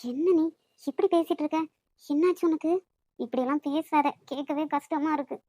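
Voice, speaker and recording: A woman voicing an outspoken, sharp-tongued young woman in an animated story. She speaks with a Nagercoil Tamil accent and talks in a quick, teasing, scolding way. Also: sits high, no room sound, natural voice. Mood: worried. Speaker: voice actor for an animated love story. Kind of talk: cartoon voice acting.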